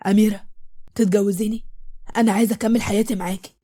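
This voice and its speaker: A woman's voice: medium pitch, steady tone, racing, warm tone, lightly acted. A woman voicing a suspicious paralysed young husband. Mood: earnest. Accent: Egyptian Arabic. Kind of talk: storybook voice acting.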